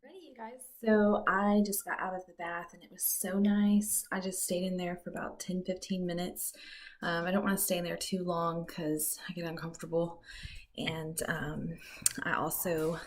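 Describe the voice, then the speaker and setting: Chatty pregnant woman, low-ish voice. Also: flat delivery, moderate pace. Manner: chatty with frequent ums, drifts into soft whispers. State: heavily pregnant, a little out of breath. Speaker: vlogger. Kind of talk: casual beauty vlog chat. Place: bathroom at home, indoors.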